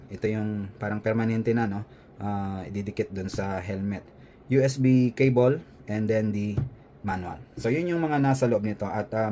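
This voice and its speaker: A mellow, lowish-voiced man with a Filipino accent reviews a product over slight background noise. In a laid-back vlog-style unboxing, he explains things as he goes and frequently checks in with quick tag questions.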